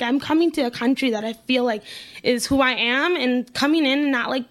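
Young woman, American, high voice, casual storytelling, chatty, lots of "like", animated quoting. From United States. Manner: chatty, heavy use of "like" fillers; animated, acts out quoted speech.

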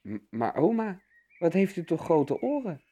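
A timid little storybook girl with a pitched-up, slightly husky voice, played by a man reading aloud. She sounds curious and hesitant, her voice swinging up and down. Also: sing-song, a little slow, dark tone, heavily acted.

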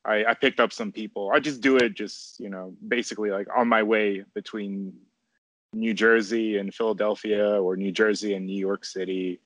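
A man's voice: lowish voice, flat delivery, normal speed, a bit bright, dry recording. A man chatting casually, hesitant and full of fillers and restarts. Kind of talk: casual conversation.

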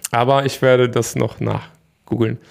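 A man's voice: mid-range voice, level tone, measured pace, creaky. A young man co-hosting a casual podcast, joking and laid-back, often trailing off mid-sentence. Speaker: podcast co-host. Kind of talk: casual chat.

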